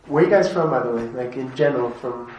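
This man from Montreal, Canada has a medium, darkish voice and a quick pace as he teaches a casual class, chatting, quizzing the group, and laughing a lot. Echo, a distant mic, and faint noise color the recording.

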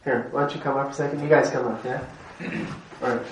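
In an echoey room captured by a distant mic with faint noise, a Montreal man teaches informally, talking fast at a medium pitch in a steady tone. He's chatty, laughs often, and keeps quizzing the group.

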